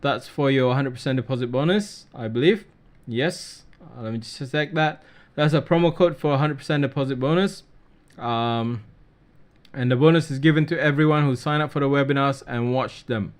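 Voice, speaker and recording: A man hosting a live trading webinar, reading out viewer questions and answering them in a casual, relaxed way. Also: medium pitch, moderate pace. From Australia.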